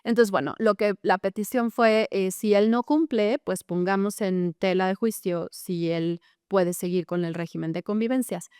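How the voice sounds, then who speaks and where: Middle-aged woman, earnest guest therapist; smooth voice, dry close sound. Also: medium pitch, moderate pace, hardly any pauses, darkish tone, dry recording. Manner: earnest, recounting personal story with many tag questions. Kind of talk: interview.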